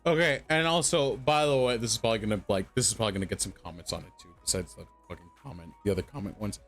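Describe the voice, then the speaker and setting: A man's voice: on the low side, rapid-fire, a bit bright, faint music behind. A man doing casual livestream commentary in a blunt, profane, rambling way that stammers and repeats. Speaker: streamer reacting to a video.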